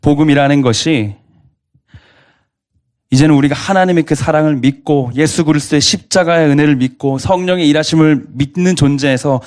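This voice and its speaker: A man's voice: on the high side, fairly quick, a little mellow. A man pastor preaching a sermon to a college congregation, earnestly asking them repeated questions.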